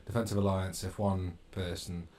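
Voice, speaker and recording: Gaming streamer, male, deep voice, casual muttered play-by-play at a desk mic. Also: flat delivery, normal speed, a little mellow. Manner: muttering, thinking aloud. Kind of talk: casual gameplay commentary.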